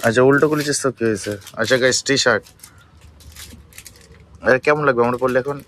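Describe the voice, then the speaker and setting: A hoarse young man with a cold, vlogging from home on a phone and chatting straight to his viewers. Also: mid-range voice, quick pace, a bit bright, a little hiss or hum. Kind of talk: casual daily vlog. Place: at home, indoors.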